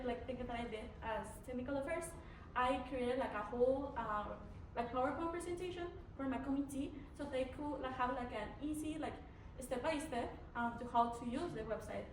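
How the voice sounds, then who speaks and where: Her pitch runs fairly high, and a little hiss or hum can be heard. She's a young adult Mexican woman, a native Spanish speaker with a Mexican accent, hesitantly answering a panel as a student candidate with lots of fillers and restarts. The recording is distant and echoey.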